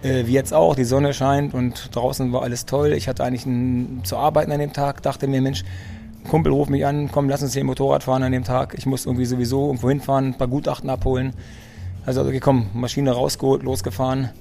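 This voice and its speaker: Gravelly, dark-voiced man telling his story. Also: medium pitch, level tone, quick pace, a little hiss or hum. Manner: chatty, repeats words while searching for phrasing. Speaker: interview guest, sports physician. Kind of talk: casual interview storytelling. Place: restaurant in Munich.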